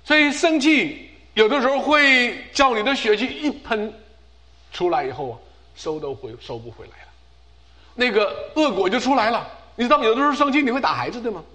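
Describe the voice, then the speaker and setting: Middle-aged male pastor, high voice, very animated delivery, emphatic repeats. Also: a little fast. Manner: emphatic preaching, repeats phrases for stress. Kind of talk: sermon.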